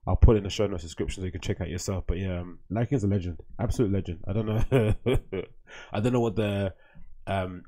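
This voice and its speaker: A young British man hosting a podcast, rambling casually at home into a boom-arm mic, with rhetorical "right?" asides. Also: mellow. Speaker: podcast host. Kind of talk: casual monologue. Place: small room at home with bookshelf. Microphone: studio mic on boom arm.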